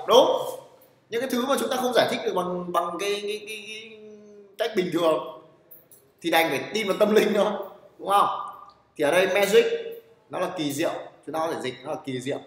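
A man lectures a class on programming, his voice sitting a little high. He is blunt and teasing, constantly checking whether the students follow and putting them on the spot. The room is echoey, and a long reverb trails behind each phrase. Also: a bit bright. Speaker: programming teacher.

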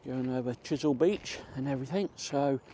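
With faint outdoor noise around him, a middle-aged man talks casually while walking through a country park for his vlog. His voice is mid-range and warm, at a normal speed.

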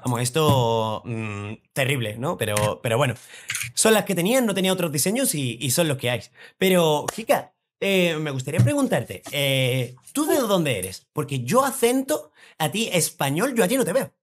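Man, casual host, halting and easygoing questions. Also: a little high, sing-song, slight background noise. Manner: halting, restarts, chuckles. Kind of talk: casual interview chat.

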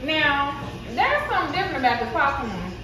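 A woman's voice: high-pitched, big pitch swings, a little fast, background noise. A woman in her thirties chatting playfully and expressively in a casual travel vlog, filmed on a handheld phone. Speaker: vlogger. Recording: echoey spot with loud music.

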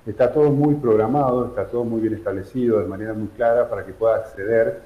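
A middle-aged man from San Juan, Argentina, explaining his charity's work in a remote news interview, measured and full of fillers. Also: on the low side, fairly even intonation. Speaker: charity director guest. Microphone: video call. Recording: echoey room, dull video-call audio.

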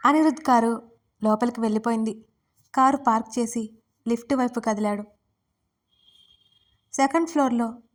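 A woman storyteller narrating a romance in a steady reading voice. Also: on the high side. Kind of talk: scripted narration.

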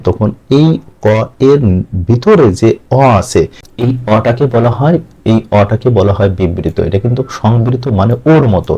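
A man with a Bangladeshi Bengali accent teaching an exam-prep grammar lesson, asking questions and answering them himself and repeating words slowly. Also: medium pitch, dark tone, breathy edge.

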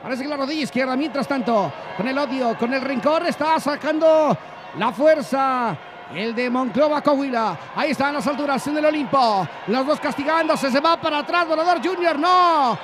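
Male lucha libre wrestling commentator, Mexican accent, excited emphatic calls, pitched way up, noisy arena crowd behind. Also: normal speed. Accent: Mexican Spanish. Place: large indoor wrestling arena.

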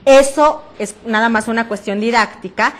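A woman's voice: a little high, moderate pace, a bit bright. A woman teaching a reading-aloud workshop with a Mexican Spanish accent, explaining breathing and projection patiently and often checking that her class understood. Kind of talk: voice projection lesson.

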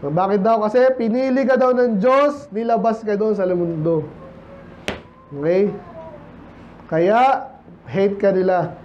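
A Filipino-accented man preaches in a relaxed, conversational way, slowing down when he reads scripture. His voice sits high for a man. The church recording sounds dull and lo-fi, with a faint hiss underneath. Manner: conversational preaching, mixing Tagalog and English, quoting scripture slowly. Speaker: pastor. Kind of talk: sermon.

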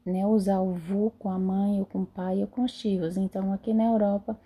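A woman teaching French in a slow lesson, repeating model sentences carefully. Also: medium pitch, level tone, dark tone, breathy edge. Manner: repeats phrases slowly and carefully. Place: lives in Europe.

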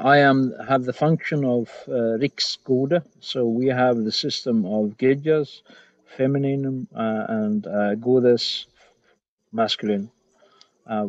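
A middle-aged man with a Swedish accent, in English and halting German, searching for words as he gives an informal speech on a video call. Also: mid-range voice, a little mellow, no echo. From Sweden. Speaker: representative of a heathen organization. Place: garden, outdoors. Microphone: video call, close webcam. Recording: dull video-call audio.

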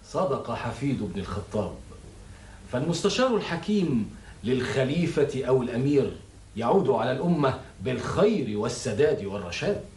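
A man playing a stately figure in a booming historical epic, declaiming in formal classical Arabic. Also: big pitch swings, fairly quick, a little mellow, lightly acted. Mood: approving, stately. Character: stately man holding forth on wise rulers. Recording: echoey, distant, noisy studio set.

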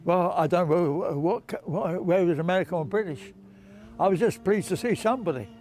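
The same setting, an outdoor bench by a car park, frames a nonagenarian war veteran and ex-POW recounting memories for an interviewer in short, often repeated phrases. He speaks at a moderate pace in a high, slightly mellow voice.

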